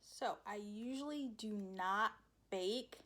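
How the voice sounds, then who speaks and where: A woman's voice: fairly high pitch, takes it slowly, fairly bright tone. A young woman, chatting casually through a makeup tutorial, rambling and laughing at her own slips. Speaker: beauty vlogger.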